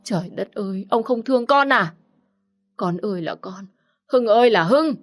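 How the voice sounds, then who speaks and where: A woman voicing a hysterical middle-aged mother who sobs and laments at a high, loud pitch. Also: expressive, moderate pace, faint music behind, close to an everyday voice. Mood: wailing, frantic. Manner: shrill, sobbing, lamenting.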